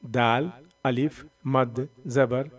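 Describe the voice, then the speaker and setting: A man teaching Quran reading, slowly sounding out letters and syllables, drawing out the long vowels, with a voice that cracks when he strains it. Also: mid-range voice, steady tone, recorded from a distance. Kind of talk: Noorani Qaida recitation lesson.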